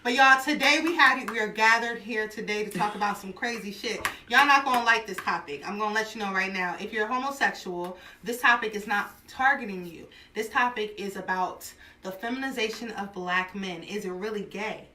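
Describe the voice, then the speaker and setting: A woman's voice: medium pitch, a little fast, few pauses, bright, forceful tone, roomy sound, far from the mic, a little hiss or hum. A woman in her twenties hosting a radio talk show, chatting casually and bluntly, laughing often. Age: 20s.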